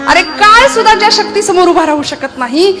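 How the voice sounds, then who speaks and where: Woman preacher telling devotional stories, high voice, throws questions at the crowd, music going behind. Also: brisk. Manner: lively, asks the audience rhetorical questions. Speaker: kirtan preacher. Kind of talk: devotional kirtan sermon with storytelling.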